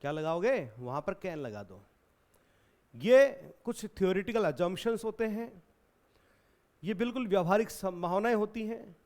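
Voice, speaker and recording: High-voiced Indian grammar teacher. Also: male voice, expressive, unhurried, long pauses, a little mellow. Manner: explains in Hindi, repeats questions to students. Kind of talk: exam-prep grammar lesson.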